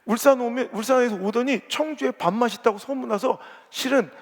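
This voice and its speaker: Gravelly, blunt-talking male pastor. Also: very high-pitched, fairly quick. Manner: blunt, joking, colloquial preaching. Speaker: senior pastor. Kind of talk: revival sermon. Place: large church sanctuary. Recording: long reverb of a big church hall.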